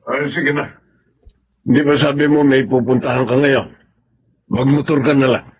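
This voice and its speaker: A man's voice: medium pitch, fairly even intonation, moderate pace, husky. Stern middle-aged father. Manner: firm, reproachful. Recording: dull lo-fi old radio recording.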